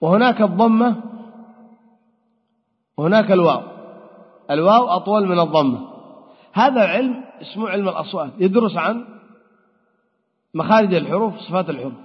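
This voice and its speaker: A man's voice: high-pitched, animated, fairly quick, pauses often, breathy edge. A man teaching Arabic grammar in a classroom lecture, explaining step by step and asking and answering his own questions. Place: lecture hall. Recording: dull, long-echo hall recording.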